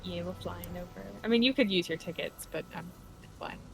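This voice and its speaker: A woman's voice: lowish voice, fairly quick, vocal fry, soft background music. A woman chatting casually with a friend while playing a game on stream, rambling and telling stories. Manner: chatty, rambling with fillers and restarts. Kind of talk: casual chat while gaming.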